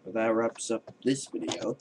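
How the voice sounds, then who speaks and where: A teenage boy chatting casually to a webcam at home in a hesitant, halting way. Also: on the low side, lively intonation. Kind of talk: casual vlog chat. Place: room at home, indoors. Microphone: webcam at arm's length. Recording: faint noise and clicks, webcam audio.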